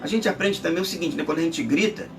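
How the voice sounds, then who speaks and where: Emphatic high-voiced preacher. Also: male voice, quick pace, vocal fry, recorded from a distance, soft background music. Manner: emphatic, swinging between shouts and near-murmurs. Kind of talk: sermon-style Bible teaching.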